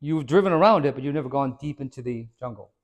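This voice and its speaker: A man who is a fitness trainer, giving an informal, energetic talk to a small audience. He quizzes the listeners and tags many points with "right?". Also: mid-range voice, fast talker. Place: hair and skin salon, indoors.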